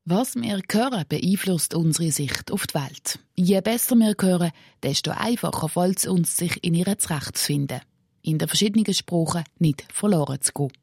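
A woman with a Swiss German accent presents a radio feature, reading scripted narration and putting questions to a guest in a measured tone. Her voice sits fairly low and is husky, recorded dry with faint music underneath. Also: expressive, darkish tone, no echo. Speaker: radio reporter.

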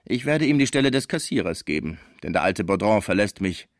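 A vain, ambitious theatre director, as a male narrator plays him, speaks in a bluff, confident, rather loud voice. His low voice moves freely, and the sound is dry and close. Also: animated, fairly quick, no echo, lightly acted. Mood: assuring.

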